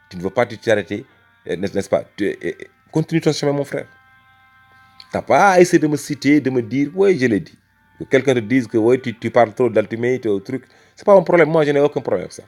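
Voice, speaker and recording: In a medium-pitched, slightly mellow voice, a Senegalese man argues a religious point with emphatic rhetoric. His talk is impassioned, full of repeated phrases, and he addresses the listener as brother.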